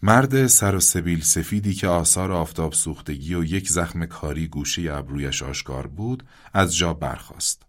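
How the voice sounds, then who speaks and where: A man narrating a satirical story in a mock-formal tone with hushed asides. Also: low voice.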